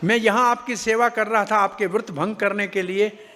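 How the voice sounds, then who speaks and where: A man's voice: high voice, fairly even intonation, normal speed, pushed and bright, big-room sound. A man voicing a humble king of gods. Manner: humble, confessing. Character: contrite male king of gods.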